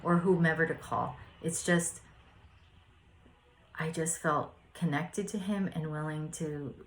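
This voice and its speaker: A woman sharing personal reflections in a casual, hesitant way, full of fillers and pauses. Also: low-pitched, fairly even intonation, poor audio. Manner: soft-spoken, hesitant, many fillers. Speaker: spiritual study vlogger.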